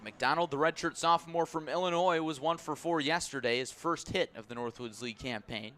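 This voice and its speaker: A man provides live play-by-play of baseball over the radio, steady in the gaps between pitches and animated when the big moments arrive.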